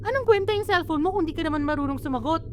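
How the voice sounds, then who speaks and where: In an amateur radio drama, a woman with a Filipino accent plays a worried, nagging mother of grown children who is quick to scold. Her very high voice rushes out very fast in angry, exclamatory scolding, with slight background noise in the recording.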